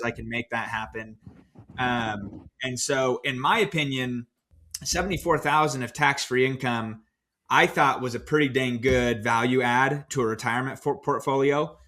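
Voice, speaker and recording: A man co-hosting a podcast, recounting his own finance choices in a relaxed, storytelling way with plenty of fillers. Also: medium pitch. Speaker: podcast co-host. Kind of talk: casual podcast discussion.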